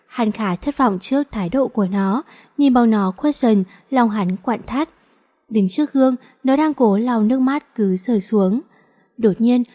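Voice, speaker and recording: A woman narrating a romance novel in a steady, even reading voice. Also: a little high. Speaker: audiobook narrator.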